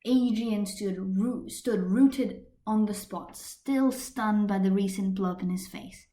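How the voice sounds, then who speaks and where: An amateur fan fiction reader with a mid-range, mellow voice reads a scripted story slowly. She narrates into a built-in computer microphone in an echoey room.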